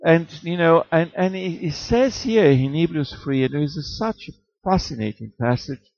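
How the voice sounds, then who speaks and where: A man delivers a sermon in a gravelly, fry-edged voice, piling up phrases and asking rhetorical questions. The recording is dry and a little muffled, with no room sound. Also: fairly high pitch, animated, moderate pace, darkish tone, no room sound. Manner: rhetorical, repeats words for emphasis, jokes with chuckles. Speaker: preacher.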